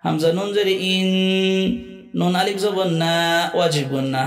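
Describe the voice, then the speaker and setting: Male Quran teacher, high voice, spells out letters and chants them, echoey room. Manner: spells letter by letter, then chants words slowly. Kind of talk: Arabic reading lesson. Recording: echoey room with faint music.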